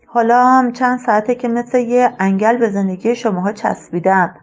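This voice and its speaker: A woman voicing an elderly retired male colonel, a rambling and wistful father who speaks slowly and musingly. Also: on the high side, flat delivery, natural voice.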